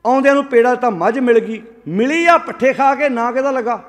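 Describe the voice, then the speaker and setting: A man preaching a Sikh sermon in a Punjabi accent, telling village stories in an animated way and calling on the congregation to answer him. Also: very high-pitched, brisk, big-room sound. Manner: animated storytelling, acts out quoted villagers, asks the congregation to answer. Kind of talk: katha sermon.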